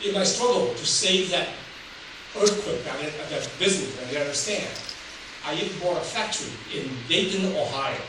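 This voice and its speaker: An older man from Taiwan, Taiwanese his native tongue, gives a humorous public talk about his life, laughing along at his own jokes. His voice sits high and moves at a normal speed. The recording is noisy and distant, made in a roomy hall.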